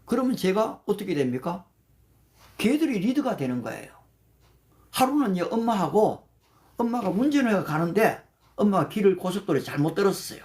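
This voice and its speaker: An older man leads a livestreamed prayer meeting, his voice rising and falling in a lively, animated way. He slows right down to recite Bible verses in English and thanks viewers by name as he goes. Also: sits high. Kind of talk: livestreamed devotional talk.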